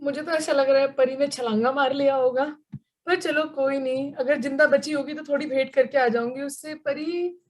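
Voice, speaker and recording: A woman's voice: high-pitched, fairly even intonation, moderate pace, close to an everyday voice. A woman playing a gloomy, melodramatic teenage schoolgirl in an amateur church skit, wailing and theatrical. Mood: flustered. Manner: wailing, theatrical, doom-mongering.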